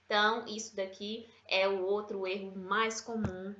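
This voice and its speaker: A woman's voice: mid-range voice, level tone, fairly bright tone. Chatty woman teaching English, echoey room. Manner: chatty, affectionate, calls viewers "meu bem" and "gente"; slows right down to model English sentences. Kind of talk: online grammar lesson. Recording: echoey room, slightly dull sound.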